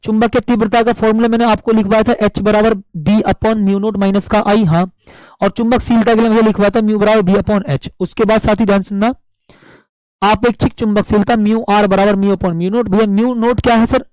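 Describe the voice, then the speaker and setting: A man teaching a live online physics class with a sore throat, speaking slowly and drilling students with repeated questions and answers. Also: sits high, steady tone, a little mellow, dry recording, rough recording. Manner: asks viewers to comment answers.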